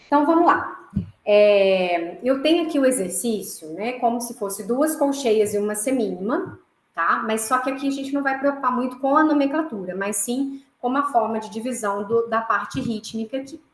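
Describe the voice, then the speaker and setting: A woman's voice: a little high, moderate pace, reverberant. A woman music teacher with a Brazilian Portuguese accent, lecturing an online class, often checking in with "né" and "tá" and counting beats aloud.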